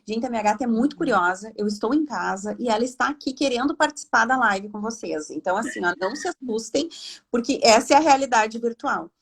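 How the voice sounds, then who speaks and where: A woman, a speech therapist speaking from home on a video call in a live online talk, explaining in a chatty, animated way. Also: a little high, fast, breathy edge.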